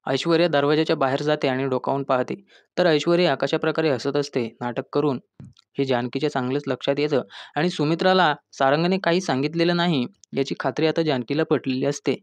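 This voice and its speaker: Male recap narrator, voice on the high side, dry close sound, retelling scenes and reading out dialogue. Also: a little fast, dry recording. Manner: retells scenes, reading characters' lines in quotes; addresses listeners as friends. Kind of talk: scripted episode recap narration.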